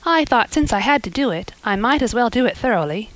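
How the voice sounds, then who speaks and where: A breathless, gushing orphan girl with a high, bright voice that leaps up and down as she talks, put on by a woman reading a story. Her pitch swings widely, and the sound is close and dry. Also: animated, a little fast, no echo, rough recording. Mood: eager, dreamy. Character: eager chattering red-haired orphan girl.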